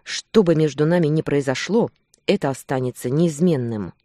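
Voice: medium pitch, normal speed, mellow, dry recording, clean studio sound, natural voice. The reader voicing a possessive, hot-tempered male werewolf who presses and commands in a romance audiobook. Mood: demanding.

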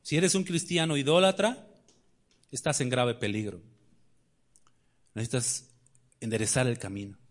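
A man preaching a sermon, firing rhetorical questions and swinging between loud declarations and quiet asides. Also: medium pitch, normal speed, pauses often.

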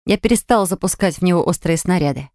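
A woman narrating a first-person fantasy audiobook with expressive storytelling. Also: on the low side, fast talker, no room sound, clean studio sound.

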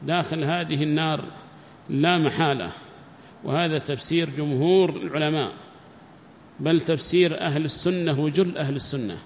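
Male teacher, slightly raised pitch, emphatic, repetitive, lesson recorded with long echo. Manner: emphatic, repeats phrases, asks rhetorical questions. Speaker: religious teacher. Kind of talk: religious lesson commentary. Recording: long reverb with faint background noise.

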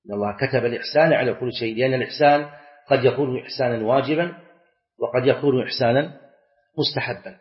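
A middle-aged man, teaching a class, reciting verses slowly and quizzing students with short questions. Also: mid-range voice. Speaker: Islamic scholar teaching a class. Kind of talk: classroom lecture on Arabic grammar and scripture. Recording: echoey, dull lecture-hall recording.

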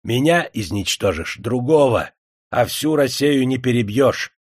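A man's voice: mid-range voice, expressive, unhurried, breathy edge, no room sound, clean studio sound, pitched above the performer's own voice. A man doing a defiant old servant. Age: older. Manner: mocking, defiant.

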